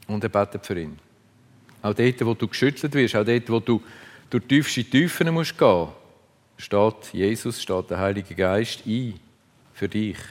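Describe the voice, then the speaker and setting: Low-voiced preacher in a reverberant hall. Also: male voice, expressive, a little slow. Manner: earnest, reflective, speaks in short phrases. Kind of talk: sermon. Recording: long reverb of a large hall.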